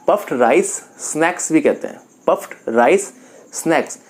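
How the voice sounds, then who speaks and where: A man from Rajasthan teaching a vocabulary lesson, calmly going through a word list and repeating each term. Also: a little high. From Rajasthan, India. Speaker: English teacher.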